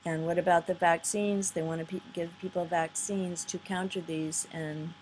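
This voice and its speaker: This video commentator speaks at a moderate pace in a fairly low, slightly mellow voice with a steady tone. She rambles earnestly and off the cuff over played videos in a casual style, and the poor home recording has slight background noise.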